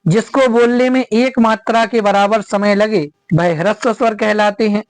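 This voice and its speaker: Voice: medium pitch, steady tone, moderate pace, no room sound. A teacher giving a grammar lesson, repeating each definition and checking in with rhetorical questions.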